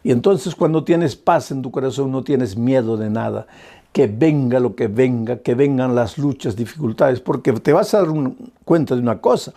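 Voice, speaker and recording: A man's voice: mid-range voice, normal speed, dark tone. A male pastor delivering an earnest, pleading sermon full of repeated phrases.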